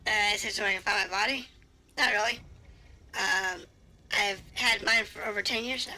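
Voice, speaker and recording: Woman streamer, very bright and sharp tone, hesitant reading of game lines with fillers and the odd animal noise. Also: medium pitch, fairly even intonation, moderate pace. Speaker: gameplay streamer reading dialogue aloud.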